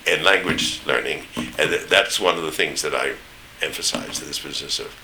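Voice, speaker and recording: An older American man with a standard accent and a low, very bright, forceful voice. He reminisces in loose anecdotes, pausing to search for names. There is a faint hiss behind him. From East Tennessee, United States. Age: older, 70s or above. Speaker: interviewee recounting memories. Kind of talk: oral history reminiscence.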